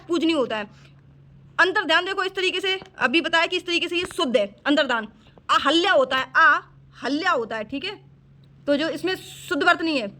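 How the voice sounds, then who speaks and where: A woman's voice: sits high, bright, forceful tone. A woman with a Hindi accent teaching a spelling lesson for exam prep, repeating each word and quizzing the class as she goes. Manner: repeats words with quiz-style questions.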